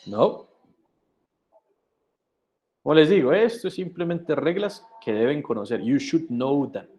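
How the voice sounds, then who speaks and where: Slow-speaking male English teacher. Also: a little high, expressive, mellow. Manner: slow, patient, mixes English and Spanish. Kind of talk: online class, bilingual teaching. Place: video conference.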